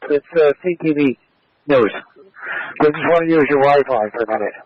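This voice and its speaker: A man's voice: fairly high pitch, normal speed. A man coordinating search traffic over a two-way radio, talking in a plain, practical way that cuts in and out with static bursts. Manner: plain, practical, repeats himself. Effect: dispatch radio with static bursts. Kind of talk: two-way radio dispatch talk. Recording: dull, dry two-way radio audio.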